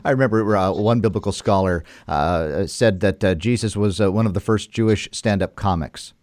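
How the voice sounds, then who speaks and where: A man hosting a radio interview, asking measured, thoughtful questions. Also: on the low side, a little mellow, no room sound, clean studio sound. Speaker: radio host.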